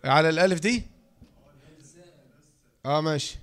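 A man's voice: on the high side, moderate pace, a bit bright, smooth. A man with an Egyptian accent teaching reading rules in a lecture, repeating key phrases and quizzing his listeners. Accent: Egyptian Arabic.

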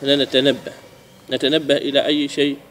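A man teaching a grammar lesson, asking his students questions and repeating key phrases slowly. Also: mid-range voice, level tone, fairly bright tone, a little hiss or hum.

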